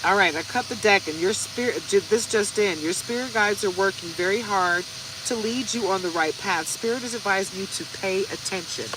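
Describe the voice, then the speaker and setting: A woman in her forties reads tarot in a laid-back vlog, talking directly and chattily to viewers. Her pitch is medium and her delivery a little fast, over a noisy background.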